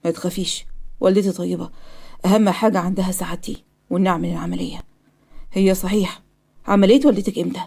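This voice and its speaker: Woman voicing a soft-spoken young Egyptian man. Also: lowish voice, fairly even intonation, racing, creaky. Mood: reassuring. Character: young man in a wheelchair, gentle and reassuring.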